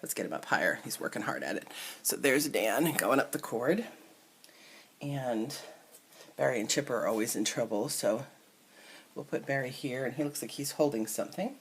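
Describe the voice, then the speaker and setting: A middle-aged woman, an entertainment reporter, chatting casually as she shows off an old toy set, musing aloud with fillers and soft asides. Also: rumbling low, animated, normal speed, slight background noise. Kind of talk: casual show-and-tell toy review. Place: indoors at a table with the toys. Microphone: camera mic close by.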